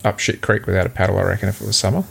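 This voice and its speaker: Gravelly Australian man, casual chat. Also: deep voice, rapid-fire. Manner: relaxed, rambling with fillers and restarts. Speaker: podcast co-host.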